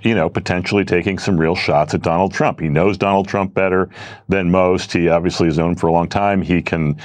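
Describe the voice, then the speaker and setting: A man's voice: low voice, fairly even intonation, fairly quick, no room sound. A man, a journalist guest, talking politics in a hesitant way, with many fillers and restarts. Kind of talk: studio political commentary.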